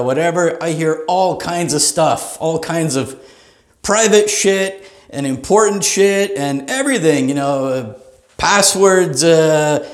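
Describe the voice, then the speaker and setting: A man's voice: on the high side, roomy sound. A man hosting a comedy podcast, ranting in a profane, rambling way with laughing asides, recorded in a small private studio. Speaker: podcast host. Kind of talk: comedic rant.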